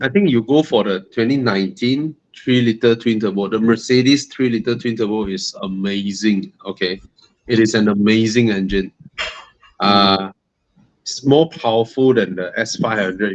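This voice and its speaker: A man's voice: lowish voice, moderate pace. A man with a Malaysian English accent co-hosting a live car Q&A, mostly giving short, direct agreeing replies. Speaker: co-host of a car buying Q&A. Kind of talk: live stream casual chat. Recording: dull lo-fi stream audio.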